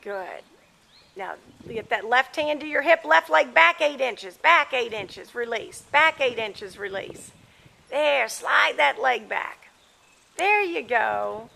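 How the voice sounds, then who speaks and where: High, creaky woman calling brisk riding commands. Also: sharp tone. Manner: brisk, projected commands in short clipped phrases. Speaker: horse riding instructor. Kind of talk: live riding lesson coaching. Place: outdoors in a large open-sided covered riding arena.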